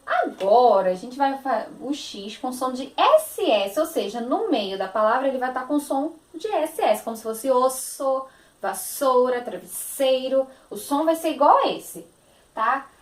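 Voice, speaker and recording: A woman's voice: high-pitched, lively intonation, measured pace, echoey room. A woman teacher with a Brazilian Portuguese accent, giving a phonics lesson to young children, stretching out words in a sing-song, affectionate manner.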